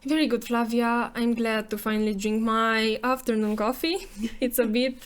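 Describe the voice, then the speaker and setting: A woman's voice: on the high side, flat delivery, normal speed. A woman with a Romanian accent chatting casually as an interview guest, playful and joking, acting out little quotes. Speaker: podcast guest, software developer. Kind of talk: casual conversational interview answers.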